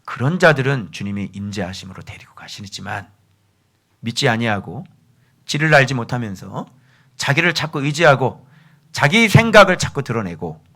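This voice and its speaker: A man preaching a sermon as a pastor. He fires rhetorical questions at his listeners, rising to shouted rebukes and then dropping to hushed, near-whispered lines. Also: mid-range voice, very animated, moderate pace, long pauses. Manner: rhetorical questions aimed at the congregation.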